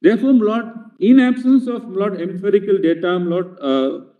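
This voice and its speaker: High-pitched advocate on a tinny feed. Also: male voice, normal speed. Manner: formal, peppers every phrase with "my lord". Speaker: advocate arguing before the court. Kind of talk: courtroom legal argument. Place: courtroom. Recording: tinny, echoey courtroom feed from a distant mic.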